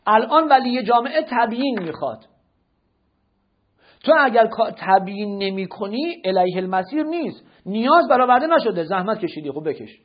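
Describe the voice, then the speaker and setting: A man's voice: sits high, very animated. A man giving a religious lecture, firing rhetorical questions at his listeners and correcting their notes. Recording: dull lo-fi lecture recording.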